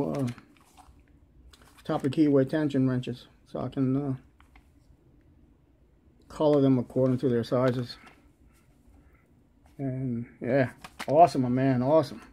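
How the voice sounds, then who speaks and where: A man with a New York accent talks slowly through an unboxing, with lots of hesitant fillers and a lozenge in his mouth. His voice is dark and mellow, and he speaks at an unhurried pace. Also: mid-range voice. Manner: slow, halting, many uh fillers, relaxed. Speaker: lock-picking channel host. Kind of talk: casual unboxing chat.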